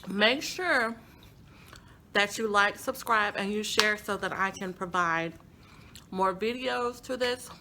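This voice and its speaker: A woman's voice: medium pitch, takes it slowly, noisy background. A woman hosts a casual cooking vlog, chatting and laughing at herself while tasting her food. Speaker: cooking channel host.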